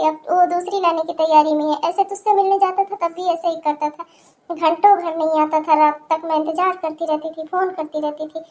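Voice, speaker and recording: A scornful middle-aged mother-in-law in a cartoon, put on by a woman who scolds and mocks. The voice sits very high. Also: steady tone, moderate pace, a little mellow. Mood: mocking. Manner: taunting, scolding.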